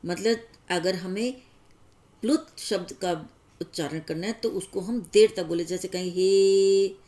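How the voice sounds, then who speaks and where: Slow, patient woman teaching grammar. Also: lowish voice, mellow. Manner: slow, explaining step by step with examples. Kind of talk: classroom grammar lesson.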